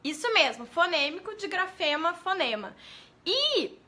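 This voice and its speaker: A woman's voice: extremely high pitch, sing-song, sharp tone. A woman with a Brazilian accent who trains teachers, giving a live-streamed lesson, asking viewers questions and greeting them by name. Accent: Brazilian Portuguese. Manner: spells out letters slowly and clearly.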